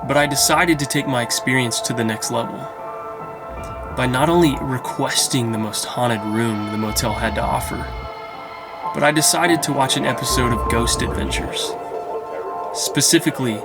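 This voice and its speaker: Male vlogger, medium-pitched, casual first-person narration with a music bed. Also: moderate pace. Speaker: vlogger narrating a motel stay.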